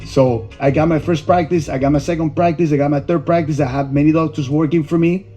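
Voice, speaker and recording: A man's voice: fairly high pitch, steady tone, quick pace, dark tone, faint music behind. A middle-aged man from Colombia, a dentist and business owner, answering interview questions earnestly in short listed phrases.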